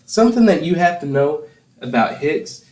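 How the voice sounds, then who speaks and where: A man's voice: on the high side, expressive, moderate pace, a little mellow, echoey room, poor audio. A young man from Tennessee, hosting a casual chat with friends, rambling through stories and laughing often. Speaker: podcast host.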